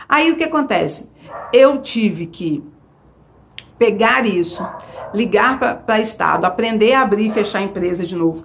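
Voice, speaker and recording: Expressive Brazilian woman telling her story. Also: mid-range voice, a little hiss or hum. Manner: expressive, emphatic, with rhetorical questions and asides. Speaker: vlogger sharing her caregiving experience. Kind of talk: casual personal storytelling to camera.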